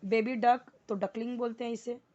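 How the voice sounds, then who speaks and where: Female english teacher, higher voice, asks and answers, repeats words, dull lo-fi audio. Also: steady tone, normal speed, dark tone. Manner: asks questions then answers them, repeats words for drill. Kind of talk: spoken English lesson.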